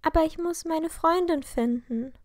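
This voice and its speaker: Woman voicing a teenage head girl, high bright voice, urgent, bossy, dry close sound. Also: measured pace, no room sound. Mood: commanding. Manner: urgent, commanding.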